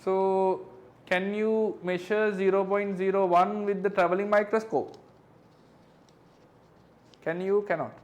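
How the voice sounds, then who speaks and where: A man's voice: high-pitched, steady tone, measured pace, long pauses, a little mellow. A male physics tutor reviewing exam questions, working through figures step by step and checking understanding with tag questions.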